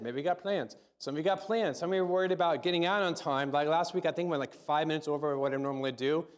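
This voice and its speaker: Slightly high-voiced male pastor preaching. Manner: conversational, with frequent restarts and repeated words. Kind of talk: sermon with spoken prayer. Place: church service, also live-streamed.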